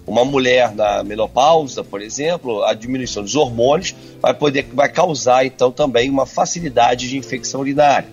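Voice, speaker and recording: A man's voice: medium pitch, faint music behind. A man answering radio interview questions as a urologist, talking over a landline phone and often stopping and restarting. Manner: halting, many filler sounds and restarts. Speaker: urologist guest. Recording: dull lo-fi phone line.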